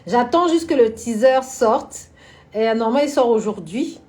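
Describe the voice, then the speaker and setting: A woman's voice: a little high, animated, normal speed, a little mellow. A woman hosting a casual live stream, chatting frankly about business and answering viewers by name, often laughing. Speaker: florist and event decorator hosting a live stream.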